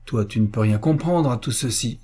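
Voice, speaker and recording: A man's voice: mid-range voice, moderate pace, mellow, breathy edge, lightly acted. A man doing an indignant old father. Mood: reproachful. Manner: bitter, reproachful speeches.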